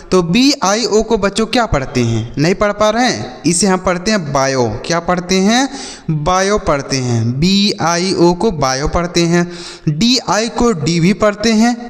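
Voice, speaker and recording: A man with a somewhat raised voice teaches children to read long English words letter by letter. He keeps calling out questions and answering them himself. The recording carries a long, lingering reverb. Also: high-pitched. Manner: repeats questions and answers, addresses children directly. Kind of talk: spelling lesson for children.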